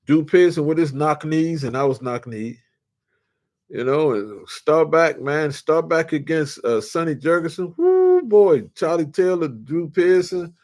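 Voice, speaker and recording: Excitable older man from D.C. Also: on the high side, a little slow. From Washington, D.C. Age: 60s. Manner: animated, shouts with excitement, drawls and stretches words. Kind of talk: casual storytelling monologue.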